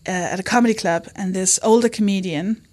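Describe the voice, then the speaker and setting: Candid, animated woman comedian. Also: mid-range voice, quick pace. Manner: candid, animated, quotes herself and others. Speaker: comedian and author guest. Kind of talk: conversational interview.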